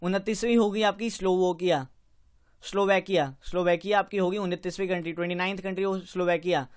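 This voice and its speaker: A man teaching a geography map lesson, repeating country names slowly and correcting his own slips as he goes. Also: high-pitched, fairly even intonation, clear, resonant tone. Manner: repetitive drilling, slows on tricky country names; self-correcting, apologizes for slips. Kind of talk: exam-prep map lecture.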